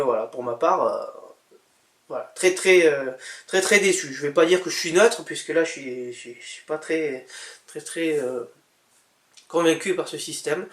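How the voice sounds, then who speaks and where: A young man hosting a casual tech podcast, talking off the cuff with lots of hesitations and an unimpressed, critical tone. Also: fairly high pitch. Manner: hesitant, many fillers and restarts, unimpressed. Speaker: podcast host.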